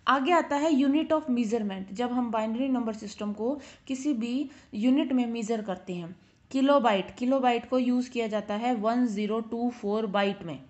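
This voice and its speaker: A woman teacher explaining a school lesson in Hindi, reading English lines slowly and asking and answering her own questions. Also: on the high side, a little mellow. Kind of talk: classroom lesson. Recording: dull lo-fi recording.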